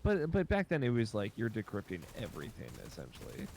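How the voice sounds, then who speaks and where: Low, gravelly young man, lively intonation. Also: a little fast. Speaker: game streamer. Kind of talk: casual chat while gaming.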